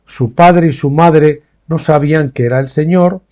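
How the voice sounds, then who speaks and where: Slightly high and somewhat dark in tone, a man teaches from the Bible, interrupting his reading with personal remarks and checks like tag questions. He stops to put names and terms into his own words.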